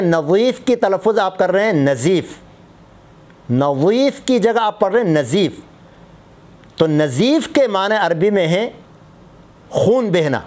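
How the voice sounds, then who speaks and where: A man's voice: high voice, darkish tone. A man, a mufti, giving a religious lesson on prayer recitation, explaining patiently and repeating example words to contrast them.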